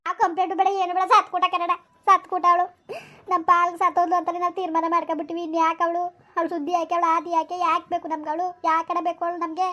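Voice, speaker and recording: A very high-pitched, quick-talking village woman, played by a woman pours out bitter laments and curses. She speaks in a family-drama skit. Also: flat delivery, bright, forceful tone. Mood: angry cursing. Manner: lamenting, cursing, rapid village speech. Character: grieving village woman, bitter about a runaway girl.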